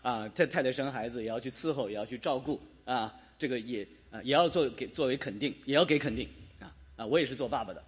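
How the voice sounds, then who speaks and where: A man's voice: medium pitch, fast, breathy edge. A man preaching a sermon in a church, talking to his congregation, asking them questions and chuckling now and then. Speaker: pastor.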